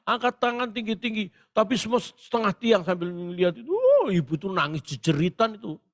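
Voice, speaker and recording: A male pastor preaching a Pentecostal sermon, telling stories with great animation and breaking into shouted proclamations. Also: sits high, sing-song, a little fast.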